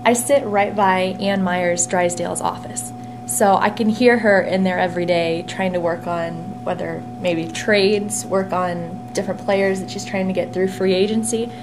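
A young woman in her twenties chatting in a casual interview about her work, upbeat and quick to laugh, recorded close on a handheld camera in a small locker room. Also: lowish voice. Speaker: interviewee, team sales and marketing staffer. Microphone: camera phone held close at arm's length. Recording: noisy room with steady hum.

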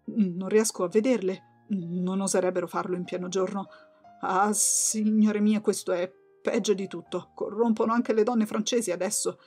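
A woman's voice: mid-range voice, steady tone, moderate pace, a little mellow, husky, soft background music, natural voice. A woman voicing a prudish, indignant viscountess who speaks with vehemence and stammers with outrage. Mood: scandalized. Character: indignant prudish middle-aged viscountess, scandalized gossip.

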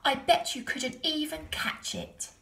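A woman voicing a clever young boy who taunts in a high, drawn-out voice. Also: wildly swooping pitch, gravelly, sharp tone, echoey room, full character voice. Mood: teasing.

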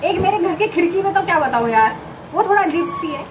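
A woman's voice: very high-pitched, animated, quick pace, noisy background. A young woman from Uttarakhand chatting casually to her vlog camera while she cooks in a home kitchen, rambling with lots of fillers. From Uttarakhand, India. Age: young adult. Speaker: vlogger. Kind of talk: casual chat while cooking. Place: home kitchen beside a window onto a busy highway. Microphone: fixed camera placed in the kitchen.

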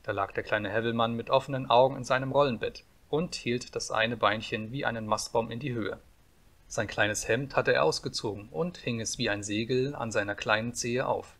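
A man reading a fairy tale aloud as an audiobook narrator, calm and measured. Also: mid-range voice.

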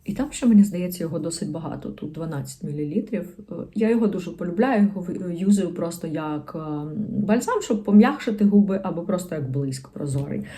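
Woman, beauty vlogger, casual chat to camera, low voice, warm mellow tone, rambling, slangy. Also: expressive, fast. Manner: chatty, rambling, full of slangy asides.

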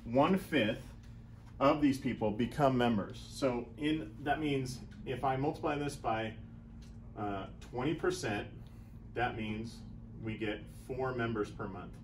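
In a small room, a chiropractic business coach in his thirties talks casually through a whiteboard lesson, reasoning aloud over the sums. A lapel mic picks up his medium-pitched, measured voice along with slight background noise.

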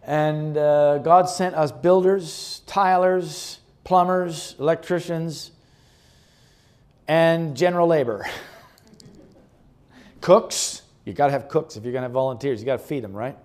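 A man giving a chatty, relaxed presentation about a health retreat to a church group, showing slides and chuckling often. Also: a little high, a little slow. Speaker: guest speaker presenting a health retreat ministry. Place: church meeting room.

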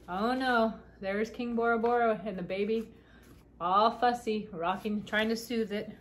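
A woman reading a children's novel aloud, unhurried and gently expressive, doing little voices for the characters. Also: on the high side. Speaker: storybook reader.

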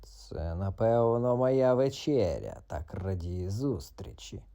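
A man voicing a proud, grumpy tomcat who growls slow threats in a children's audiobook. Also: on the low side, very animated, dark tone, heavily acted. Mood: menacing.

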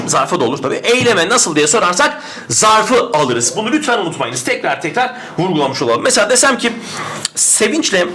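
An energetic man teaches a grammar lesson for exam prep, his voice pitched high and swinging widely as he stresses each point. He often asks a student's question aloud and answers it himself. His tone stays bright and emphatic throughout. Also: slight background noise.

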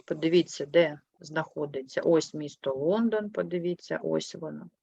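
A woman teaching a primary school class, patient and clear, asking questions and gently correcting her pupils. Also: normal speed, dry recording. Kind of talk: online class lesson. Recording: muffled low-fidelity sound.

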